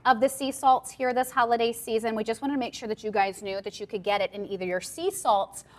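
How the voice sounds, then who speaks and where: A woman hosting live home shopping TV, chatty and upbeat, pitching products and reading out item numbers and prices. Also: fairly even intonation, fairly quick. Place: TV studio.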